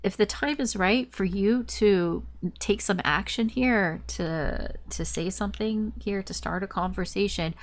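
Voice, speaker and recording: Woman, blocked pinched-nose sound, nasal, congested, casual tarot reader, repetitive and rambling, mid-range pitch. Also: unhurried. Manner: rambling, repetitive, circling back over phrases. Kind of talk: casual spoken tarot and astrology reading.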